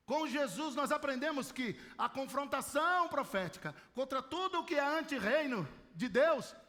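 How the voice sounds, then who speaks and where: A man's voice: very high-pitched, expressive, normal speed, pushed and bright. A Brazilian man preaching a sermon on a microphone, passionately acting out the voices in the stories he tells. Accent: Brazilian Portuguese. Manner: impassioned, acts out biblical voices. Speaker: pastor. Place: large church hall. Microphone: handheld microphone. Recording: long church hall reverb.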